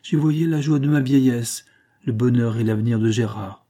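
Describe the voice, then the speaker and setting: A man's voice: mid-range voice, normal speed, mellow, natural voice. A man voicing an anxious, tearful older mother in an audiobook reading, speaking in a pleading, emotional way. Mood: distraught.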